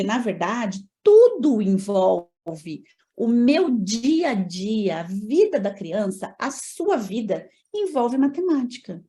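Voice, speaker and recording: A woman with a medium-pitched, dark-toned voice delivers a training lecture on learning disorders. She explains in a didactic manner and puts rhetorical questions to her audience.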